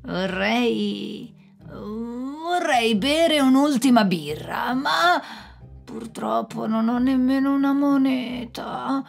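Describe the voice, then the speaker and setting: A woman's voice: a little high, expressive, takes it slowly, vocal fry, soft background music, voice pushed up, full character voice. A woman voicing a sly, hard-drinking trickster man who coaxes and bargains in a storybook tale. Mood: wheedling. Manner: coaxing, wheedling.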